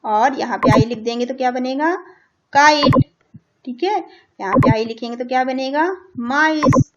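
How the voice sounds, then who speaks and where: A woman teacher with an Indian accent who spells words out letter by letter for young children, stretching out English phrases very slowly. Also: fairly high pitch. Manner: spells words letter by letter, says "theek hai" after each point. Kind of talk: school lesson for young children. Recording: muffled lo-fi recording.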